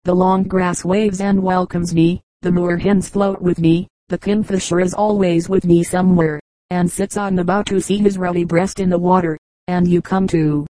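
Happy babbling brook that talks sweetly , read by a woman, calm flat delivery, dry. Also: fairly low pitch, dry recording, close to an everyday voice, low-quality recording. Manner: gentle, fond and rambling. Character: cheerful chattering brook, endlessly happy.

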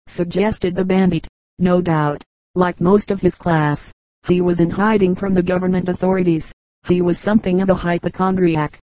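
A woman reading a book aloud as an audiobook narrator, with steady, measured narration. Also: on the low side, no echo, low-quality recording. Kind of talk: scripted narration.

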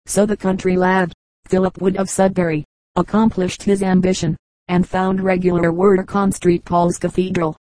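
A woman reads a storybook aloud in a steady, even way. Her voice sits low and stays level, with little rise or fall. The sound is close and dry, with a mellow tone. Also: normal speed, dry recording, rough recording. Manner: steady, even reading with quoted dialogue. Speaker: audiobook reader. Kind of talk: storybook narration.

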